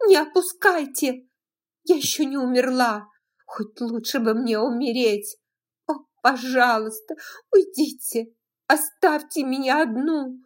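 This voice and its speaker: A woman's voice: mid-range voice, expressive, normal speed, mellow, lightly acted. A woman voicing a willful, spoiled young widowed belle who talks in a petulant, pleading way. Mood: furious.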